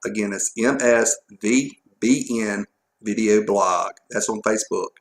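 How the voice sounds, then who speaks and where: A man's voice: on the low side, unhurried. A man with a Southern American accent co-hosting a casual sports chat show, plain and matter-of-fact. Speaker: co-host. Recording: echoey room.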